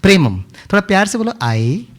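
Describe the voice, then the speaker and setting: A man's voice: high voice, very animated, measured pace, a bit bright. A man leading a session for children at a summer camp, teaching playfully and coaxing the kids in a teasing way, speaking into a handheld mic. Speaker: kids' camp session leader. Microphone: handheld microphone.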